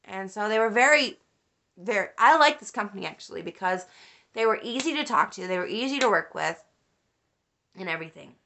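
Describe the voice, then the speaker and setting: A young woman vlogger telling a story in a casual, animated way, swearing and laughing as she rants. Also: medium pitch, brisk, gravelly.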